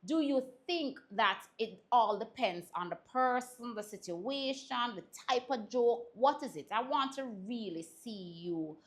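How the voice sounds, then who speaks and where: A woman with a Jamaican accent hosting a talk show, chatting and telling animated stories in patois. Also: a little high, unhurried, few pauses. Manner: animated storytelling in patois, laughs often. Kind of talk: casual panel chat.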